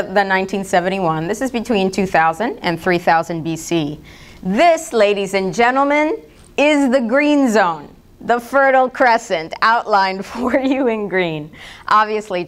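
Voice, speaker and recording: A woman's voice: lowish voice, smooth. An American woman giving a public lecture with slides, slipping in dry, sarcastic asides. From United States. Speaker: speaker giving a public talk.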